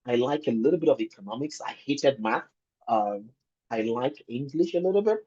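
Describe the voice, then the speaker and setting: A man in his thirties with a Nigerian accent gives an informal webinar presentation telling his personal story over an online video call with screen sharing. His mid-range voice is warm with a breathy edge, and he speaks conversationally, rephrasing for emphasis, though the call audio is muffled and lo-fi.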